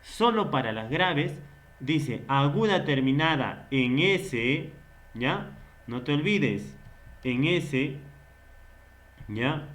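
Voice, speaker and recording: A man gives a grammar lesson at an unhurried, drawn-out pace. He keeps asking questions aloud and then answering them himself, as if speaking for his students. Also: on the high side, animated, fairly bright tone. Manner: slow, stretched-out explaining. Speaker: teacher.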